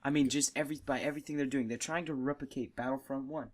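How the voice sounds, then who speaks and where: A young man chats on a homemade gaming podcast. He gives long opinions with easy enthusiasm and breaks into laughs now and then. His voice sits at an ordinary middle pitch. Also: fairly even intonation, fast talker. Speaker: podcast host. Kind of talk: casual gaming podcast chat.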